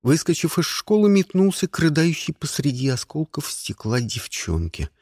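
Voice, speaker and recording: Wry man narrating lively in first person. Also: on the high side, normal speed, husky, no echo, clean studio sound. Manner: wry, sardonic storytelling. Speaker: audiobook narrator.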